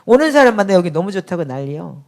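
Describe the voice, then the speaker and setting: A middle-aged woman pastor giving a sermon in a conversational, emphatic way, with sudden loud outbursts. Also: fairly low pitch, sing-song, fast talker.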